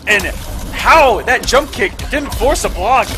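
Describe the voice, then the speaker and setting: A man's voice: very high-pitched, expressive, slow pace, pushed and bright. A man commentating live on a fighting game tournament as an esports caster. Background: music and game audio.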